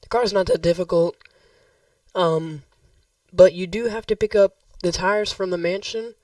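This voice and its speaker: Recorded dry and from some distance, a man with a high, darkish voice runs a casual gameplay tutorial. He's slightly losing his voice, so it sounds a bit worn, and he talks loosely to his viewers, calling them "guys" and correcting himself as he goes.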